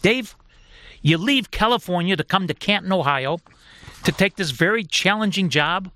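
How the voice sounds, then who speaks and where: A man hosting a radio interview who asks brisk, direct questions. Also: high-pitched, animated, pushed and bright.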